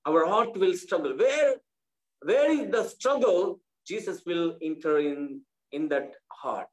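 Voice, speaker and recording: A male pastor preaching a sermon, repeating his phrases and restarting with halting pauses. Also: high voice, animated, a little mellow, poor audio.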